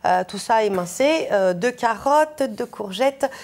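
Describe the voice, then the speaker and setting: A woman's voice: a little high, lively intonation, unhurried, darkish tone. A woman presenting a diet column on a talk show, explaining a recipe with many hesitations. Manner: chatty, hesitant with fillers, reassuring. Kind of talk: studio talk show chat.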